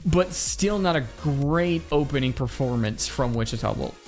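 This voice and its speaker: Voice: medium pitch, expressive, normal speed, darkish tone, soft background music. An esports desk host giving conversational match analysis and leading into breaks.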